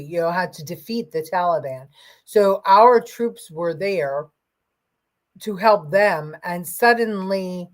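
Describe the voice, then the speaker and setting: An American woman hosting a casual political livestream, thinking aloud haltingly and stretching words for emphasis as she answers chat. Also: lowish voice. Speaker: livestream host.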